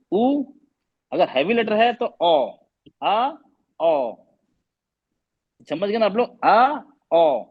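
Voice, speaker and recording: A male teacher giving a lesson, repeating vowel sounds aloud and quizzing his students. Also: fairly high pitch. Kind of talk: classroom lesson on Arabic vowels. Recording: dull lo-fi recording.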